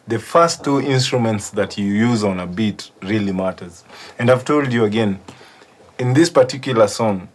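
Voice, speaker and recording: A man with a Kenyan accent giving a casual studio walkthrough as a music producer, switching between languages. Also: on the low side. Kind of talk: casual studio walkthrough mixing English and Swahili.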